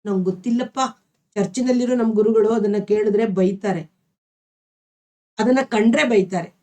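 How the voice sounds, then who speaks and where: A woman voicing a shy, admiring village schoolgirl in a storybook reading, with soft, colloquial speech. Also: mid-range voice, normal speed, natural voice. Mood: innocent.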